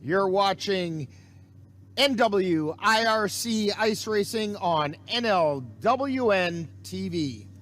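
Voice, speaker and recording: A man's voice: sits high, animated, takes it slowly, a bit bright. A man giving live sports commentary as a race announcer.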